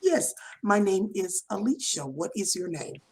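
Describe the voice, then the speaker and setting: A woman's voice: mid-range voice, big pitch swings, unhurried, husky. A woman from the United States tutoring English over a video call, encouraging and asking simple questions with frequent mm-hmms. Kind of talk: video call conversation lesson.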